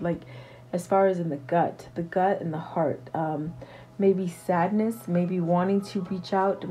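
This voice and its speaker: Woman tarot reader, casual chat to camera, lowish dark warm tone, halting and reassuring with lots of fillers. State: hiccups.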